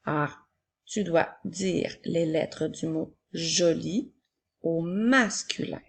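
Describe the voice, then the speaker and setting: A woman teacher giving a slow, clear spelling and dictation lesson to young children, repeating each word. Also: fairly low pitch.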